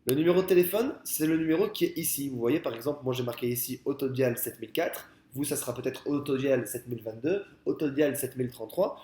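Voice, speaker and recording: A man talking through a software tutorial in a casual, explanatory way, with many fillers and restarts, speaking into a headset. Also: mid-range voice, fast, hardly any pauses, reverberant. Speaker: software trainer. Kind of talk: screen-recorded software tutorial.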